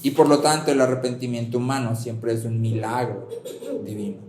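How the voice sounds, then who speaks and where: Pastor preaching in a roomy hall. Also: male voice, medium pitch, flat delivery, normal speed, crowd noise. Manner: conversational, rhetorical questions, frequent "¿sí?" check-ins. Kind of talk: sermon. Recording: roomy hall with faint ambience.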